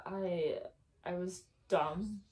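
A young woman in casual, playful banter, giving short, halting replies and guesses. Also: lowish voice, a little mellow. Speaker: challenge video participant. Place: small bedroom, indoors.

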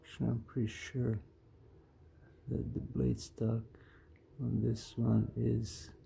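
A man casually showing off his knives, mumbling in a quiet, halting way. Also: mid-range voice, little pitch movement, creaky, a little hiss or hum. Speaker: knife collector vlogger. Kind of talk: casual show-and-tell.

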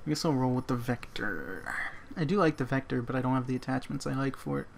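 A man's voice: medium pitch, quick pace, gravelly, slight background noise. A man giving casual commentary over his own gameplay, muttering reactions and poking fun at himself. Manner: muttering, self-deprecating reactions.

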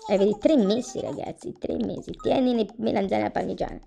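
Gravelly-voiced woman playing a game. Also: mid-range voice, brisk, dark tone, slight background noise. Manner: chatty, talks to game characters and viewers. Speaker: gameplay commentator. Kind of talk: casual gameplay commentary. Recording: faint background music.

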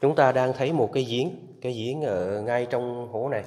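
Guiding viewers through a limestone cave, a man narrates an enthusiastic, casual tour, speaking to the audience frequently. His medium-pitched voice is slightly mellow at a moderate pace, with long cave reverb and a little hiss or hum.

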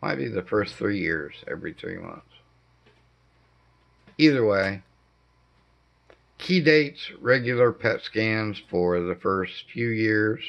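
A middle-aged man with a hoarse voice impaired by throat cancer treatment, giving a halting, casual update at home with many pauses. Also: lowish voice, animated. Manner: slow, halting delivery with frequent ums. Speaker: homestead vlogger. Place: dim living room indoors. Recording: dull lo-fi camera audio.

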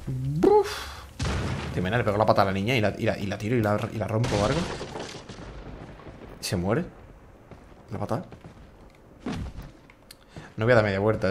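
A man with a lowish voice gives casual, jokey gameplay commentary, swearing freely and talking back to the on-screen characters. The background is noisy, with game music playing.

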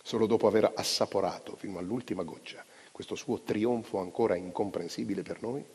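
A man narrating a novella aloud in an expressive, dramatic way, live on stage in a large hall. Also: fairly low pitch, a little fast, husky. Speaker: reader. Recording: long hall reverb.

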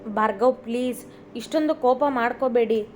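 A woman's voice: a little high, little pitch movement, normal speed, lightly acted. A woman voicing a young wife who pleads with her husband, close to tears. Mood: pleading. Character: young wife, anxious and tearful, loving. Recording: slightly dull recording, faint music.

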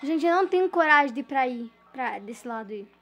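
High-pitched nervous Brazilian woman gamer. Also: expressive, a little fast, fairly bright tone, faint music behind. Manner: nervous, addresses viewers. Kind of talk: casual horror game commentary.

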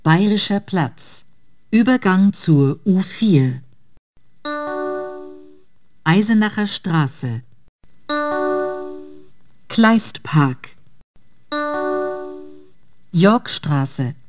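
A woman giving recorded station announcements over a train intercom, in measured, clipped calls. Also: on the low side, lively intonation, music in the background. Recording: dull lo-fi intercom audio.

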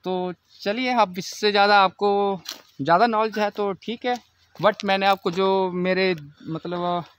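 Walking through the woods at night, a young camping vlogger explains tips and advises his viewers in a casual video shot on a phone his companion holds. His voice is high-pitched and fairly bright.

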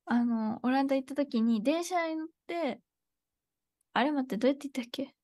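A woman's voice: sits high, a little fast, warm tone, dry recording, studio quality. A young woman teaching Japanese in a casual live online lesson, chatty and thinking aloud, with frequent laughs.

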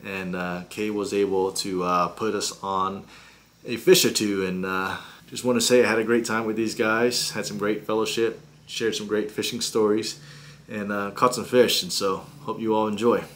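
A man's voice: on the low side, moderate pace, slight background noise. Easygoing man with lots of "uh"s. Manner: relaxed, many "uh" fillers. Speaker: fishing vlogger. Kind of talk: casual vlog narration. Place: small indoor studio with shelves of tackle.

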